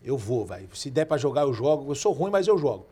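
A man's voice: mid-range voice, fairly quick, breathy edge. A man in his forties from Brazil, telling anecdotes in casual chat and acting out the voices of the people in them. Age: 40s. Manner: lively anecdotal, acts out quoted voices. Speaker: podcast guest. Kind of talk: casual storytelling.

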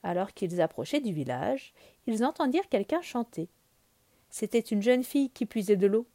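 A woman's voice: medium pitch, normal speed, no room sound. Woman reading a children's story. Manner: lively, expressive read-aloud.

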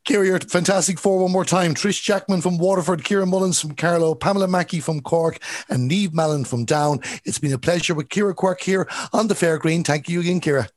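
A man's voice: high-pitched, a little fast, few pauses, no echo, studio quality. A man from Galway with a west of Ireland accent, hosting a conversational sports interview.

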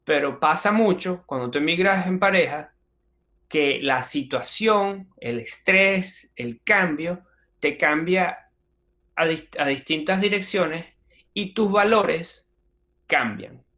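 Slangy Venezuelan man, higher voice. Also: slow. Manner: animated, slangy storyteller with frequent restarts. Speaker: comedian guest. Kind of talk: casual interview chat.

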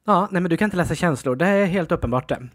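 A man co-hosting a podcast at home, chatting casually, animated and defensive, laughing often. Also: high-pitched. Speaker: podcast co-host. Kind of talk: casual chat. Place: at home, dog in the room.

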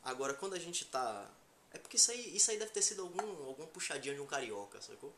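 A man's voice: on the high side, very animated, quick pace, pushed and bright, slight background noise. A man with a Brazilian Portuguese accent from Salvador in Bahia, chatting casually on a comedic podcast, joking in heavy slang and swearing freely. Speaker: podcast host.

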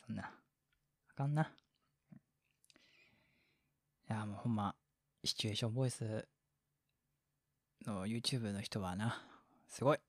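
A husky Kansai-accented man chats as a boyfriend in a whispered role-play, rambling from one thought to the next and laughing at himself. His voice sits at a middle pitch, close and dry to the mic, with breathy asides. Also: slow pace, pauses often, dry recording. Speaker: boyfriend in a situation voice.

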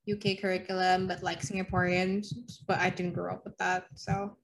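A woman's voice: on the low side, flat delivery, normal speed, vocal fry. A teenage girl from Indonesia in casual chat, blunt and teasing. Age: teens.

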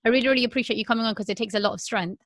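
A woman's voice: a little high, rapid-fire, fairly bright tone, no room sound, studio quality. A woman in her thirties hosting a candid podcast, talking earnestly with many repeats and "um"s. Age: 30s. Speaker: podcast host.

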